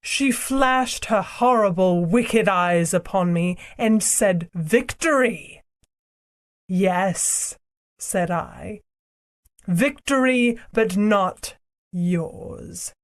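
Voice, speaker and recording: A woman voicing a proud, cruel ancient queen and sorceress in an audiobook, speaking in a slow, imperious, theatrical way. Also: mid-range voice. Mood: haughty. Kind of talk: audiobook character reading.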